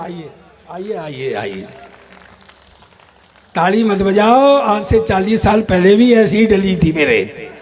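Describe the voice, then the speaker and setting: Brief: male stage comic, high voice, jokey patter, plays both sides of a dialogue. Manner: jokey, addresses audience and dignitaries, acts out dialogue. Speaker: comic poet. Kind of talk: stage comedy recitation. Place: outdoor festival stage.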